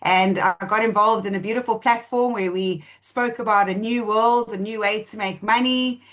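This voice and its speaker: A woman's voice: mid-range voice, fairly even intonation, normal speed, fairly bright tone. A woman giving a personal testimony at a presentation, earnest and openly emotional as she tells her story. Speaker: testimonial speaker.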